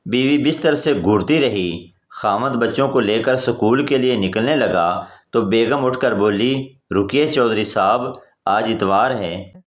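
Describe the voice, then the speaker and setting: A man tells one short joke after another in a mid-pitched voice. He moves at a slow, deliberate pace and speaks the dialogue in his own plain voice. The recording has a roomy echo. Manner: plain storytelling delivery, voicing each character in the same voice. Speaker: joke narrator. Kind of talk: reading jokes aloud.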